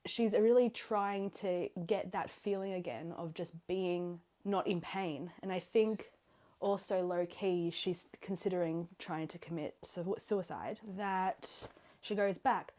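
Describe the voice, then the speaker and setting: Speaking a little slowly, this woman has a fairly low, darkish voice. She's an Australian book vlogger tidying clothes in her bedroom and rambling casually about a book, with lots of fillers.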